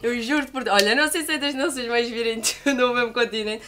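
A woman's voice: on the high side, steady tone, a little fast, background noise. A woman interviewer chats casually about music, thinking aloud in slangy, agreeable phrases full of filler words.

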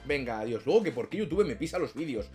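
A man's voice: mid-range voice, very animated, fast talker, darkish tone, faint music behind. A man from chatting casually in a rambling, self-mocking way, swearing often as he wraps up a vlog. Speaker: YouTuber.

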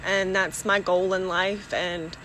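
A woman's voice: on the low side, flat delivery, takes it slowly, bright, forceful tone, low-quality recording. Earnest woman talking casually outdoors, background noise. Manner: earnest, informal. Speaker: podcast host and barrel racer. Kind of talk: casual encouraging talk to followers. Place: outdoors, near dogs and horses.

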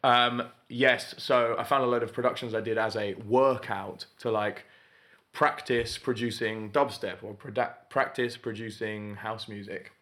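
A man's voice: on the low side, steady tone, a little slow, fairly bright tone. A man, co-hosting a podcast in casual, rambling chat with a wry, self-deprecating edge. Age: 20s. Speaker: podcast co-host.

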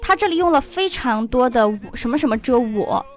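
High-voiced woman teaching song lyrics. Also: expressive. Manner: reads English lyrics slowly and deliberately, then explains in Chinese. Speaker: English teacher presenting a song lesson. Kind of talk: scripted lesson explaining song lyrics. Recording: faint music underneath.

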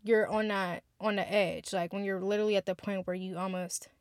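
A fairly quick, mid-range voice with fairly even intonation belongs to a 21-year-old woman hosting a podcast. She talks directly to listeners in a casual monologue that's chatty, candid and heartfelt, in a dry, studio-quality recording.

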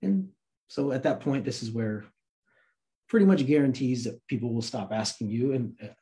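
A mid-range voice at normal speed belongs to this interview guest, an American from Santa Cruz, California, who works in film. He tells a personal story informally, animatedly voicing the quoted dialogue.

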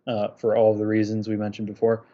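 A young man hosting a podcast, talking through his rankings in a casual, measured way. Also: lowish voice, monotone, mellow. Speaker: podcast host. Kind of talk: casual chat. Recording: muffled lo-fi audio.

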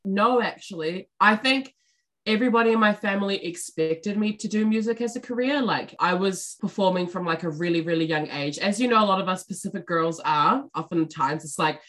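Speaking briskly in a mid-range, somewhat bright voice, a young musician from New Zealand is the guest in a laid-back interview chat. She comes across as bubbly and jokey, her speech peppered with fillers and easy laughter.

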